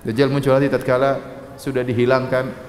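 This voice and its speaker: A male Islamic preacher with an Indonesian accent giving a religious lecture, slowly reciting Arabic hadith, then explaining them with rising emphasis and frequent checking fillers. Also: medium pitch, little pitch movement, darkish tone, a little hiss or hum. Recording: echoey hall with faint ambience.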